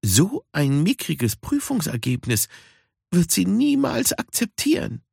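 A man voicing a small, proud grey female cat who is quick to scoff, in a storybook reading. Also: sits high, huge pitch swings, creaky, darkish tone, husky, no room sound, studio quality, pitched above the performer's own voice, exaggerated voice. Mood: worried.

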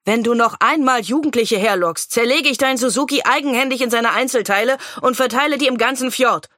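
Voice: mid-range voice, animated, moderate pace, no echo, clean studio sound, close to an everyday voice. A narrator voicing a stern police officer who talks in a curt, commanding way in a storybook reading. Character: stern middle-aged policewoman, brisk and cutting.

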